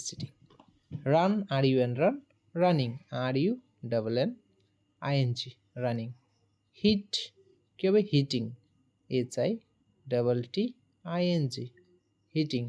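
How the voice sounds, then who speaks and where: A woman's voice: low-pitched, mellow. A woman teaching a grammar lesson, explaining each rule step by step, spelling words letter by letter and asking her students questions as she goes.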